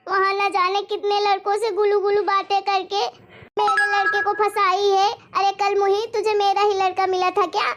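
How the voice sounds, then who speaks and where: A woman voicing a domineering, quick-tempered middle-aged mother-in-law in a cartoon story, taunting and scolding. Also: completely flat delivery, fairly bright tone, highs cut off. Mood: outraged. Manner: taunting, bossy, shrill scolding.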